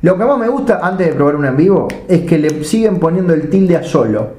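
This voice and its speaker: A man's voice: a little high, animated, brisk, darkish tone. A man from Uruguay co-hosting a podcast, chatting in playful, rambling asides. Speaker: podcast co-host. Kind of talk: casual banter. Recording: echoey room with faint noise.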